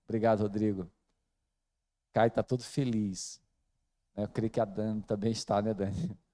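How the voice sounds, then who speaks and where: A middle-aged Brazilian man preaching a sermon in church, slow and emphatic, repeating phrases and swinging between loud and soft. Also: fairly low pitch, steady tone. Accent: Brazilian Portuguese. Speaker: pastor.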